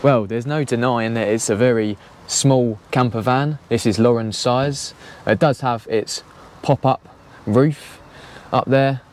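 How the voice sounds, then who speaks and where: A man's voice: medium pitch, steady tone, a little hiss or hum. A young man giving a chatty, easygoing walkaround of cars on an action camera outdoors in the rain. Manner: chatty, easygoing, quick laughs. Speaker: car vlogger. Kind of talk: casual walkaround commentary. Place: outdoor car auction yard in rain.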